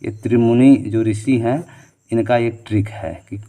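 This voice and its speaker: A man's voice: mid-range voice, steady tone, unhurried, mellow. A male teacher running an exam-prep quiz lesson, reading each question and its options aloud, then reasoning his way to the answer and repeating key answers back as a drill, with many fillers and memory tricks along the way. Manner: frequent fillers like "theek hai" and "jo hai"; gives memory tricks and shortcuts.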